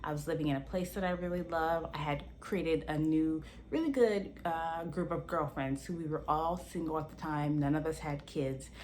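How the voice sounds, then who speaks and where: A woman's voice: low-pitched, normal speed, few pauses, darkish tone. A woman in her early forties talking candidly and casually to camera as a vlogger, her speech slightly slurred by the retainers she is wearing. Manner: candid, conversational. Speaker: YouTube lifestyle vlogger. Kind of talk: casual personal talk to camera.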